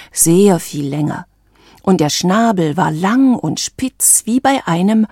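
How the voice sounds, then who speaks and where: A woman reads a children's storybook aloud at an unhurried, deliberate pace. Her voice is calm, measured and clear, at a middle pitch. The sound is close and dry, with no room echo.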